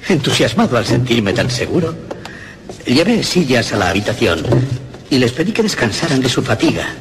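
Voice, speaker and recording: Theatrical man telling a dark tale. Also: sing-song, moderate pace. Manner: theatrical, pitch swinging widely. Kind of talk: dramatic storytelling reading. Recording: clear crowd noise behind.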